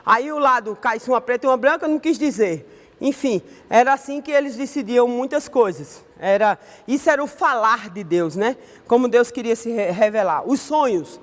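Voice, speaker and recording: A woman's voice: on the high side, moderate pace, in a large hall. A woman with a Brazilian accent teaching an online Sunday school Bible lesson in a conversational way, often ending her sentences with a questioning tag. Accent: Brazilian Portuguese.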